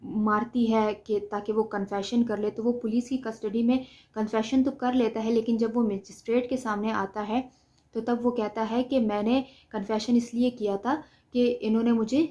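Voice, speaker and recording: A woman with a Pakistani accent gives an explanatory law lecture in Hindi-Urdu mixed with English legal terms. Her voice is fairly high and warm with a steady tone at normal speed, and the sound is lo-fi. Her style is didactic, often posing questions and answering them herself.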